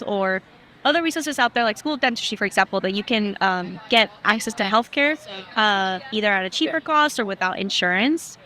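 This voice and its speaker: A woman's voice: mid-range voice, bright, forceful tone. A woman, a community health worker, speaking earnestly in an interview clip with some fillers.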